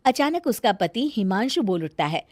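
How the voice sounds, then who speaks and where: A woman narrating a family story in an expressive storybook reading style. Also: mid-range voice, normal speed, dry recording, clean studio sound. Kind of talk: scripted narration.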